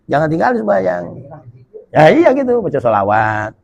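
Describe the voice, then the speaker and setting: Man, preacher at a dawn mosque gathering, husky, jokey, swings his pitch a lot. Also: huge pitch swings, moderate pace, darkish tone, muffled recording. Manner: jokey, colloquial, reads and explains Arabic text. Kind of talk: humorous sermon.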